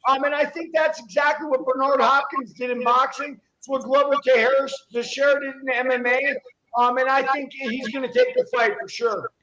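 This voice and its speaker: A man's voice: very high-pitched, fairly even intonation, fairly quick, sharp tone, highs cut off. A man in his forties from near New York, chatting casually about MMA, laid-back, with many "you know"s. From New York area, US East Coast. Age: 40s. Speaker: podcast co-host. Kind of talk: casual sports talk.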